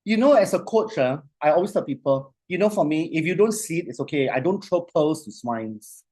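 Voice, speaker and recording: A male lecturer in full classroom flow. He talks in an animated, repetitive way and keeps asking whether the students follow. He stretches key phrases out slowly for them to write down. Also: a little high, breathy edge. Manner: animated, repetitive, asks "you see?" often; slows way down to dictate phrases.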